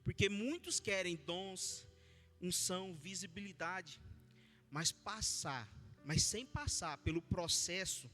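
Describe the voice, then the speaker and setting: A Brazilian man preaching a lively testimony with a high, bright voice. He tells his story with humor and animation, and faint music plays softly behind him. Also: takes it slowly, long reverb tail. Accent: Brazilian Portuguese. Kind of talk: sermon testimony.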